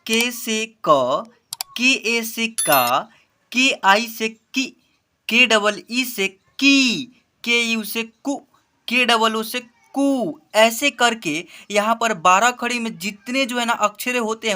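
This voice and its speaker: A man teaching a spoken lesson, slowly drawing out spelling drills and repeating his explanations. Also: sits high, bright, forceful tone. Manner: slow drawn-out spelling drills, repetitive explanations.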